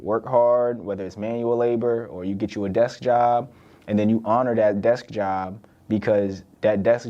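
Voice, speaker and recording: Lowish-voiced man musing casually. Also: dark tone, highs cut off. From born in the UK, raised in Virginia. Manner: conversational, loose, with frequent "like" and "right?". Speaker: podcast host. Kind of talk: casual solo monologue.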